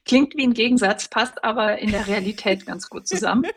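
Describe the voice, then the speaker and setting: A woman's voice: medium pitch, moderate pace, a little hiss or hum. A woman in her forties, a journalist guest in an interview, talking thoughtfully with many fillers and light laughs. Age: 40s. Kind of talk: casual interview talk.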